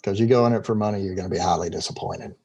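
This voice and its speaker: A middle-aged man appears as a guest in a video call interview from a room at home, with lo-fi sound. His voice is fairly low and warm, and he talks very fast. He's talkative and rambling, stumbling, repeating words, and laughing easily.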